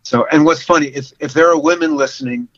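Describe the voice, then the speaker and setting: A man's voice: on the high side, fairly bright tone, no room sound. Guy in his 60s telling his story, keeps restarting sentences, dry muffled lo-fi audio. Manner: halting, with many restarts and repeated words. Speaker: podcast guest. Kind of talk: personal storytelling. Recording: dull lo-fi sound.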